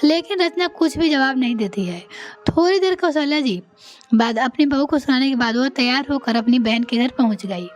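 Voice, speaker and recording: A woman reading a family moral story aloud as storyteller, plain and unhurried with small slips. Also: high-pitched, lively intonation, soft background music. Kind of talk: storybook narration.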